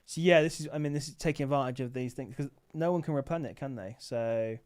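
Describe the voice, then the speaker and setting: A man's voice: mid-range voice, fast talker, darkish tone, clean tone. A man hosting a late-night livestream, chatting casually and thinking aloud with many fillers, sounding tired. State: tired, sleepy. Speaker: livestream host, Amazon seller.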